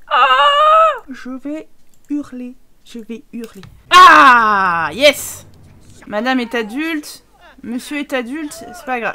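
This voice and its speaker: Bright, excitable woman gamer. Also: a little high. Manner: excitable, laughs often, talks to her game characters. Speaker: gaming YouTuber. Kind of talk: casual let's-play commentary.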